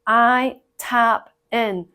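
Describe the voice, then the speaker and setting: A woman's voice: on the high side, fairly even intonation, extremely slow, sharp tone. A woman talking to camera in a casual vlog, bubbly and gushing, often acting out her own past thoughts and joking at herself. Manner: bubbly, gushing, self-mocking. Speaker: vlogger. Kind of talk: casual excited vlog talk.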